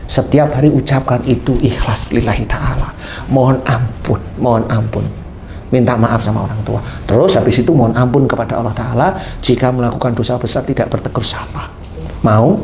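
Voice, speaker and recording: A man preaching a slight touch, telling a story in a lively way. His voice is mid-pitched, and he acts out both sides of a conversation. Faint room noise sits behind him. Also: brisk, creaky. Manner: animated, acts out dialogue with a patient. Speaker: Islamic preacher. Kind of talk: sermon storytelling.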